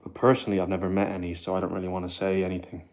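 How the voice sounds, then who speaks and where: Careful not to disturb his landlord, a man hosting a casual home livestream keeps his voice down while he reads and rambles through chat comments, calling viewers "bro." His low-pitched voice is completely flat, a little mellow, and rapid-fire.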